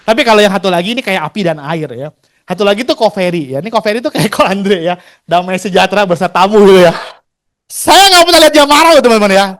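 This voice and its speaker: A man's voice: high-pitched, animated, quick pace, a bit bright. A man in his forties sharing his career story in a chatty, slangy motivational talk, acting out the dialogue he recounts. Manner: chatty, slangy, acts out quoted dialogue, laughs often.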